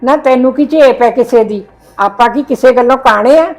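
A woman's voice: sits high, moderate pace, a little mellow, faint music behind, lightly acted, low-quality recording. An actress playing a caring middle-aged mother who coaxes and reassures her daughter in a drama. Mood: soothing. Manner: coaxing, reassuring. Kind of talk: Punjabi web drama acting.

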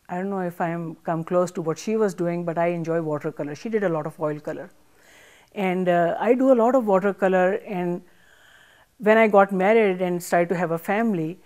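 An older woman from Pakistan, both chef and author, takes part in an interview conversation, answering thoughtfully with lots of fillers. Her voice is lowish and darkish, recorded through a lapel mic on a studio set with armchairs and plants.

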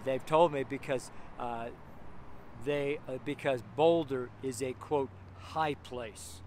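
A street preacher rambles through an outdoor sermon on a sidewalk, with traffic passing beside him. His voice is mid-range, slow, and a little mellow, and he sounds emphatic, chuckling and using lots of fillers. He films himself selfie-style with the camera held close, and the poor audio picks up the street's traffic noise.

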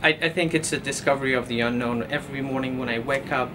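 A fast-talking man in his thirties from Iran, working as a postdoctoral researcher, gives an earnest documentary interview in a lab office. His medium-pitched voice has fairly even intonation, and his speech is full of fillers and restarts. The background is noisy.

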